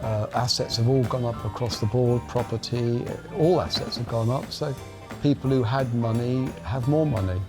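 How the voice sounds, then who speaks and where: A man's voice: mid-range voice, normal speed. A man, a shop owner, chatting casually about his trade. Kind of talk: casual chat. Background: music.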